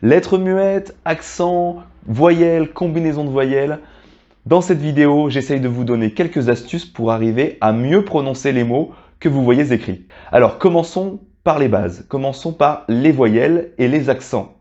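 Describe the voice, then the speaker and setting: A man calmly explaining pronunciation rules to learners, slowing down on the example words. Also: on the high side, lo-fi sound. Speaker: French teacher.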